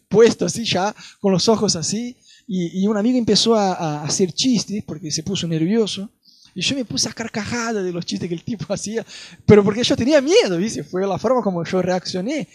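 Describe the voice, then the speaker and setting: A man's voice: sits high, no echo. A man preaching with a Rioplatense accent, telling a personal story with much laughter and acted-out quotes. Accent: Rioplatense Spanish. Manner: animated, laughing storyteller, voices quoted people.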